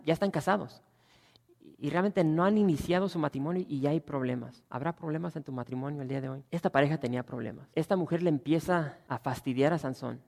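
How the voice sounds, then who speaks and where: A man's voice: on the high side, gravelly. Emphatic male preacher in a reverberant hall. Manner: preaching with rising emphatic bursts and dropping to quiet asides. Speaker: pastor. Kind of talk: sermon.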